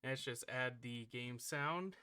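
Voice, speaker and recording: A man's voice: medium pitch, slow, bright, forceful tone, clear, resonant tone. A man streaming live, chatting casually and counting his exercise reps aloud while catching his breath.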